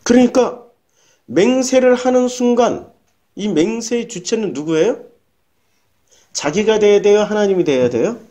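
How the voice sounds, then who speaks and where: A man's voice: sits high, expressive, unhurried, long pauses, mellow. A man preaching a sermon as pastor, asking his listeners questions and answering them himself, and acting out short quoted lines.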